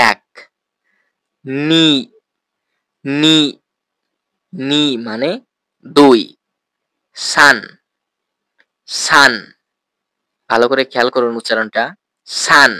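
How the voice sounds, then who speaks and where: A man teaching a language lesson, with a bright, forceful tone and a mid-pitched voice. He is patient and says each word several times, slowly, for his learners. The recording is dry and close, with no room sound. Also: clear, resonant tone, no room sound. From Bangladesh.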